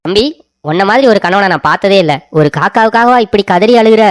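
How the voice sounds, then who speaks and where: A man's voice: high-pitched, quick pace, dry recording, clean studio sound, lightly acted. Man doing a boastful old forest sage, short on patience, cartoon story. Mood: impatient. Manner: impatient, boastful.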